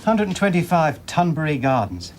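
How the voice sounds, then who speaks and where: An actor playing a chatty, rambling car hire owner in a 1990s British police drama. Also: male voice, a little high, sing-song, moderate pace, slight background noise. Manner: rambling, easygoing.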